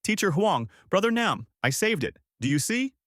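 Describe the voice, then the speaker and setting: A man voicing a determined village schoolteacher woman who shouts and pleads in a story. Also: mid-range voice, huge pitch swings, normal speed, no room sound, studio quality. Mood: desperate shouting.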